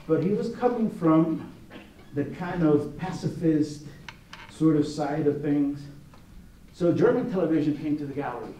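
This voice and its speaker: A man's voice: medium pitch, dark tone. A man serving as juror of an art competition, giving an informal gallery talk with many restarts and anecdotal asides. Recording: roomy echo, distant mic, faint noise.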